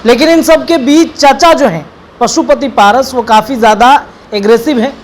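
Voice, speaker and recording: A woman hosting a news discussion, speaking in a measured way as she sets up questions for her colleague. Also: sits high. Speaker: news host.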